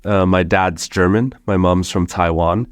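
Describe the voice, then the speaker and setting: A young startup founder from Hong Kong, with a slight American accent from international school, guests on a podcast interview, speaking conversationally with many restarts and fillers. His deep voice is fairly even in intonation at a measured pace, recorded with studio quality and no echo.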